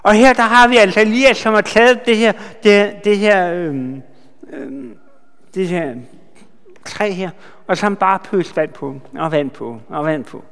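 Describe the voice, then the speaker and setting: A man giving a sermon, retelling a Bible story with lively asides to his listeners. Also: sits high, clear, resonant tone. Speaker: preacher. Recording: long hall reverb.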